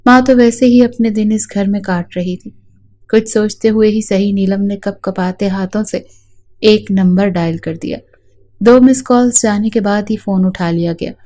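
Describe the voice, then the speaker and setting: A woman narrating a romantic drama story in a steady, dramatic reading. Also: mid-range voice.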